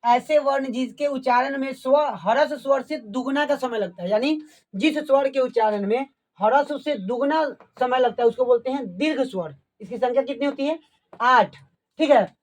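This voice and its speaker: A woman teaching a grammar lesson. She asks questions and answers them herself, and she repeats key terms slowly. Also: sits high.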